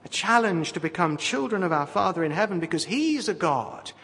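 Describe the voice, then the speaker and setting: A man preaching a sermon with lively, animated delivery and wry asides. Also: high-pitched, a little fast, slightly rough. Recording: long reverb of a hall.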